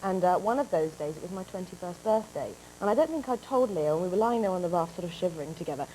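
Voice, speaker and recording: A woman's voice: lowish voice, fast, slight background noise, poor audio. A woman in her twenties with an English accent, a guest telling stories in a talk show interview. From England. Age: 20s. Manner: animated storytelling, breaks into laughter. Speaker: actress guest.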